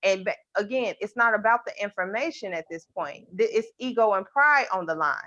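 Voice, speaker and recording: A woman's voice: mid-range voice, lively intonation, a little fast, fairly bright tone, dry recording. Insistent woman arguing, muffled line. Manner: insistent, repeats "but" to break in. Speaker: panelist. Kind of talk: heated debate.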